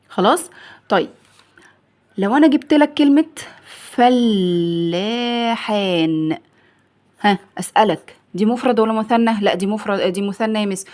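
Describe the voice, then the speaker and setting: A woman's voice: medium pitch, darkish tone. A woman with an Egyptian accent, a primary school teacher, gives a grammar lesson for young children. She asks questions and then answers them in the pupil's voice. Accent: Egyptian Arabic. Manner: asks and answers her own questions, acting out the pupil's replies.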